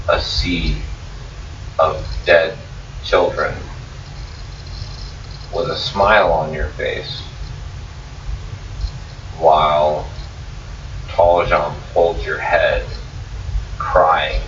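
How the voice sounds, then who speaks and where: A man narrating as dungeon master at a tabletop game, slow and grim, with swearing. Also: a bass voice, fairly bright tone, distant mic. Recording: roomy, muffled, noisy recording from off mic.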